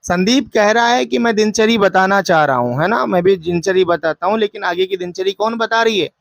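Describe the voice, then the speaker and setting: A woman's voice: mid-range voice, gravelly, no room sound. Woman teacher walking through exam answers. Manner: asks and answers her own questions; recites verses in a slow chant. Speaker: Sanskrit teacher. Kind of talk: exam paper walkthrough lesson.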